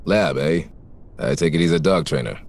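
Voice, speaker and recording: Man acting a deep, gravelly hard-boiled private eye. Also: normal speed, heavily acted. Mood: deadpan. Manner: deadpan, hard-boiled wisecracking. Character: wisecracking, world-weary male private detective, hard-boiled noir. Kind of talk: parody noir narration and radio drama acting.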